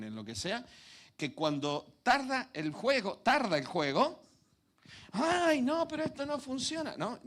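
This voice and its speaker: A man preaching a Sunday sermon, telling anecdotes and acting out quoted voices with laughs at his own stories. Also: on the high side. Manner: lively, acts out quoted voices, laughs at himself.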